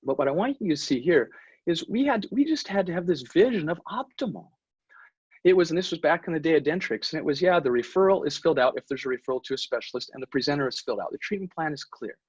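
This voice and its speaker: Lively husky man lecturing dentists. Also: a little high, fast talker, no echo, dull audio. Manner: animated, acts out office dialogue in stories. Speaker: dentist giving a continuing-education talk. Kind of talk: online lecture with storytelling. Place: at home, away from the office. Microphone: webinar computer mic.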